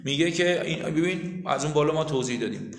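A man teaching a literature lesson in a classroom, who explains patiently, repeats key terms and quizzes his students. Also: on the high side. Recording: echoey classroom recording.

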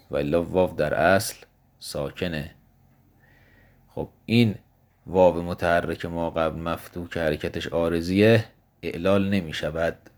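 Male grammar teacher, very low voice, patient and methodical, poses questions then answers them. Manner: patient, explanatory, asks and answers his own questions; slows down to spell out example words. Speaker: teacher of Arabic morphology. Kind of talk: recorded grammar lesson.

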